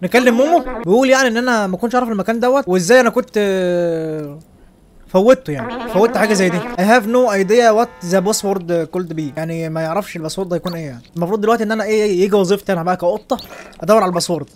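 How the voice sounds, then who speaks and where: A man's voice: sits high, rapid-fire. A man with an Egyptian Arabic accent hosting a let's-play, joking and teasing his co-player as he plays. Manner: joking, teasing, laughs often. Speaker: gaming channel host. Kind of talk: casual let's-play commentary.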